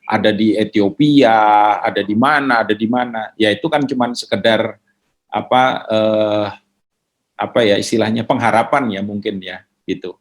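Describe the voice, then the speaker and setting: A man answering questions in a relaxed, conversational teaching manner, mixing in English words. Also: fairly low pitch, moderate pace. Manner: casual, mixes in English words.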